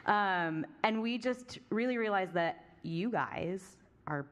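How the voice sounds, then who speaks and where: A woman co-hosting a podcast at a live audience Q&A, chatty and quick to laugh. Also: medium pitch, animated. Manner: chatty, giggly, many fillers. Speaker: podcast co-host.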